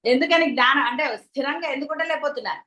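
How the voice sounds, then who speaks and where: A woman with a Telugu accent teaches in a high, clear voice. She gives a devotional discourse and keeps turning to her listeners with rhetorical questions. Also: quick pace, sharp tone, poor audio. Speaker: spiritual teacher.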